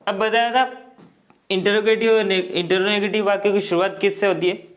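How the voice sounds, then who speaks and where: A man's voice: high-pitched, level tone, a bit bright. A man teaching English grammar in Hindi, explaining step by step and often checking that students follow. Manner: slow, repetitive explaining with frequent checks.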